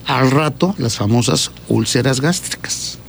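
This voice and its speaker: A man with a gravelly, creaky voice pitched in the middle range. He explains diet and health habits in a conversational way, repeating words and often adding a questioning "¿sí?". A faint noise sits under his voice. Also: unhurried. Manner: keeps checking in with a questioning "¿sí?"; repeats words while gathering thoughts.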